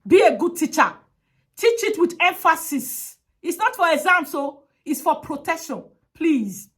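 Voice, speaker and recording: A woman's voice: very high-pitched, big pitch swings, measured pace, fairly bright tone. A woman giving an impassioned advocacy monologue, emphatic and pleading, with heavy repetition.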